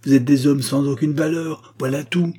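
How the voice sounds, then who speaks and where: A man's voice: mid-range voice, normal speed, mellow, breathy edge, natural voice. A man voicing a bitter, grieving male doctor who lashes out indignantly, hammering each word. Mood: furious, contemptuous.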